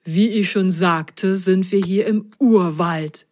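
A woman's voice: mid-range voice, a little mellow. Woman doing a fussy, irritable cuckoo. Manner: slightly annoyed, brisk. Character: fussy male cuckoo who calls the hours.

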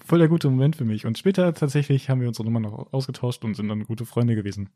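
A young man chatting casually as podcast co-host, acting out quotes with big pitch jumps. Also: quick pace, mellow, dry recording, clean studio sound. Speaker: podcast co-host telling a story. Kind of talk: casual chat.

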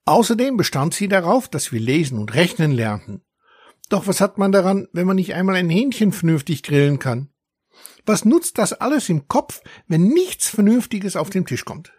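A proud young dragon, put on by a man reading a storybook, who grumbles and boasts in a raised, husky voice. He sounds indignant about everything he tells, and the recording is close and dry with no room sound. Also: high voice, big pitch swings, normal speed, darkish tone, no room sound, voice pushed up, exaggerated voice. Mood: indignant boasting.

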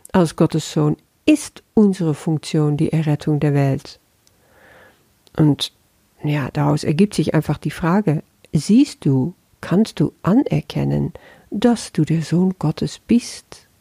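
A spiritual teacher talks through a daily lesson in a relaxed, conversational way and keeps turning to ask the listener questions. The voice is gravelly and husky, with a dark, mellow tone. It sounds dry and close, with no room around it. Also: medium pitch, slow, no echo.

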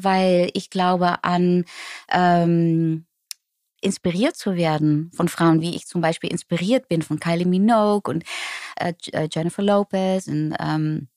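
A woman's voice: lowish voice, darkish tone, dry recording, studio quality. A Dutch woman in her forties with a Dutch accent, speaking German as a guest in an interview, often hesitating with fillers and restarts. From Netherlands. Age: 40s. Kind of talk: conversational interview.

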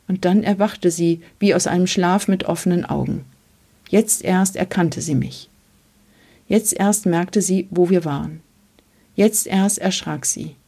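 Gravelly, husky woman reading aloud. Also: fairly low pitch, fairly even intonation, unhurried, warm tone. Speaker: reader. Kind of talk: literary reading of a memoir.

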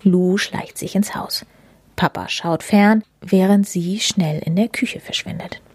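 A woman narrating a children's story in a whispered role-play style, soft and hushed. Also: lowish voice, takes it slowly, husky, dry recording.

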